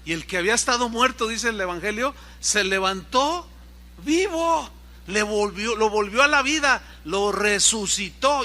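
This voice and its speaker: A man's voice: high-pitched, pushed and bright. A man pastor giving a sermon, retelling a story and acting out its dialogue. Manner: storytelling preacher who acts out the dialogue. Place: church service.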